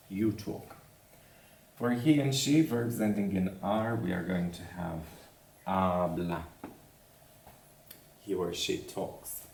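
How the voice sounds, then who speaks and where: Deep gravelly man, unhurried teacher, echoey room, distant mic. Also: a little mellow, a little hiss or hum. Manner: repeats "okay?" after each point, spells out endings slowly. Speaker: language teacher. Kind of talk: slow grammar lesson with board work.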